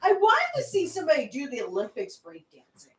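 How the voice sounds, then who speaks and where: A woman co-hosting a casual livestream discussion, animated and teasing. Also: high-pitched, fairly quick, recorded from a distance. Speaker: co-host. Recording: echoey room, off the mic.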